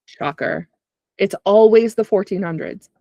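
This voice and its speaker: A woman's voice: mid-range voice, mellow, dry recording, lo-fi sound. Enthusiastic woman chiming in, dry sound. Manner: enthusiastic, chimes in with quick reactions. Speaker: research partner. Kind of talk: casual research chat.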